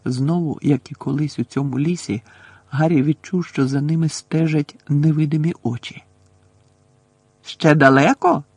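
A man's voice: on the high side, fairly even intonation, moderate pace, warm tone, breathy edge, no room sound. A man narrating an audiobook expressively and voicing every character.

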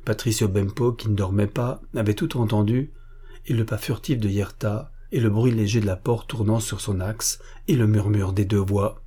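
A man reading an adventure novel aloud as an audiobook, in a measured, even narration. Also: lowish voice, slightly rough.

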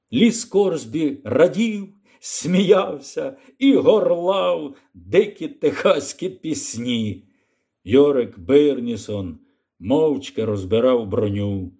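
In a mid-range voice, a man narrates an audiobook from a script, reading in a measured yet expressive way.

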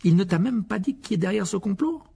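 Man voicing a playful teen twin, easygoing, raised pitch, husky, audiobook. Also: expressive, brisk, dark tone, full character voice. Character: playful teenage boy wizard twin.

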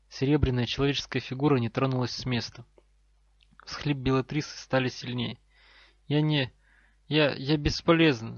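A man narrating a novel in a measured, even reading voice. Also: medium pitch, no echo. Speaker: audiobook narrator. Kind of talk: scripted narration. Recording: dry, slightly dull recording.

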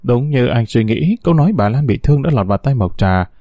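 A man narrating an audio story with a steady, even delivery. His voice is mellow and warm, and the recording is dry and close, with no room sound. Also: mid-range voice, fast talker, dry recording, soft background music.

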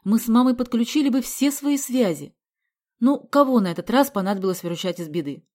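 Concerned, serious father asking pointed questions, soft mellow delivery, put on by a woman reader. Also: on the high side, expressive, fairly quick, voice pushed up. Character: serious concerned father, middle-aged man.

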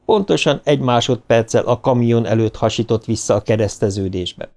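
A man narrating a novel in a steady, measured reading. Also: mid-range voice. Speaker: audiobook narrator. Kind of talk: scripted narration.

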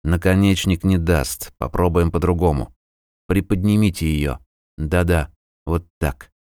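A man playing a gruff, weary middle-aged herbalist who gives curt orders, in an audiobook. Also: deep voice, unhurried, dark tone, dry recording, clean studio sound.

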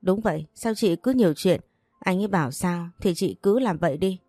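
A woman voicing a spoiled, sharp-tongued young sister-in-law in an audio story, mocking and boastful. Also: lowish voice, normal speed, no room sound, soft background music, lightly acted. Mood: whiny.

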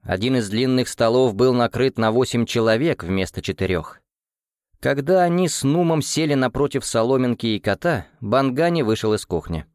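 A male audiobook narrator with a steady, measured delivery and a dry sound with no room echo. His voice sits at a middling pitch for a man. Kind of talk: scripted narration.

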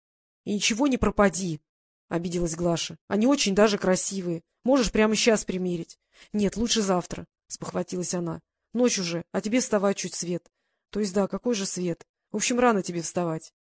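Narrator voicing a gentle, placating young woman. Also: mid-range voice, fairly quick, no room sound, natural voice.

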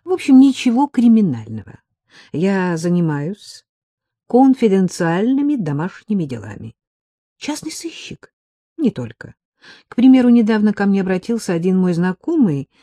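A woman reading an audiobook voices a calm grown man who speaks in a measured, dryly mocking way. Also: medium pitch, no echo, clean studio sound. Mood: matter-of-fact. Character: calm, wry grown man, a quiet schemer.

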